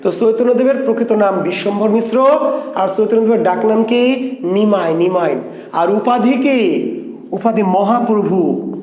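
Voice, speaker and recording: A man leads an online exam prep class, his voice high yet warm and soft at the edges. He stretches out key terms, repeats them, and poses questions that he answers himself. The sound carries the echo of the room around him.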